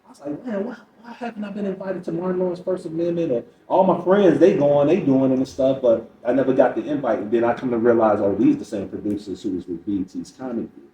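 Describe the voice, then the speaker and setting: Fast and with few pauses, a middle-aged man talks frankly as a comedy guest on a podcast, sharing stories and quoting people. His voice is mid-range with a dark tone. The recording carries roomy echo, distant miking, and faint noise.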